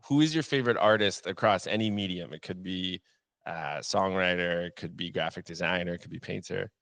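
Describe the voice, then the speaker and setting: Deep, gravelly podcast host, dry sound. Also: male voice, a bit bright, no room sound. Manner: easygoing, affirming, quick "yeah yeah". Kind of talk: casual interview chat.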